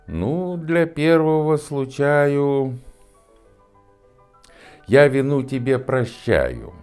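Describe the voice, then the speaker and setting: A man in his sixties voicing an angry old tsar who shouts, bullies and threatens. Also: medium pitch, animated, very slow, clear, resonant tone, faint music behind, voice pushed up. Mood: mocking. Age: 60s. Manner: shouting, bullying.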